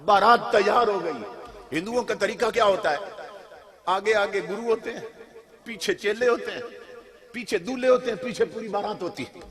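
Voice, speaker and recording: A man preaching a devotional sermon, telling a story with passion and building to shouted climaxes. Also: very high voice. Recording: long reverb of a hall.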